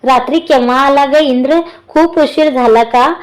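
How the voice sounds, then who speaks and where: A woman voicing a fussing, caring older mother-in-law who scolds gently, in a high voice. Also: moderate pace, lightly acted.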